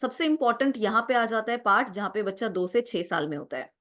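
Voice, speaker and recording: A woman's voice: a little high, fast, a bit bright. A young adult woman teaching an exam-prep lecture, explaining step by step, mixing Hindi and English, and often asking "right?". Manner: explanatory, mixes Hindi and English, frequent "right?" check-ins.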